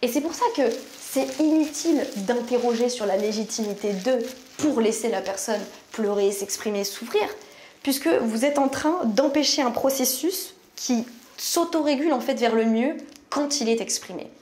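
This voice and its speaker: A woman's voice: fairly high pitch, moderate pace, darkish tone, a little hiss or hum. Chatty young woman vlogging at home. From France. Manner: chatty, slangy, addresses viewers as "les gars". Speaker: YouTuber. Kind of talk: casual chat to camera. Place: home bathroom at night.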